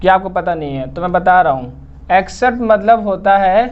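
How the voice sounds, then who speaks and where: A man's voice: high voice, animated, moderate pace. Man lecturing step by step, lo-fi. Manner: explains step by step, keeps checking "okay?". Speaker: English literature teacher. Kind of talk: classroom-style lecture video.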